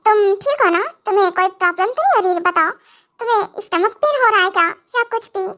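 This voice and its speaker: A woman's voice: very high voice, animated, fast talker, sharp tone, exaggerated voice. A young woman voicing a caring, flustered young husband in an amateur audio drama, fussing with anxious repeated questions. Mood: worried.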